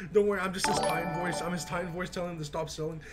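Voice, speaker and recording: A live streamer giving excited reaction commentary, yelling, laughing and swearing in bursts. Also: mid-range voice. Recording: steady background noise.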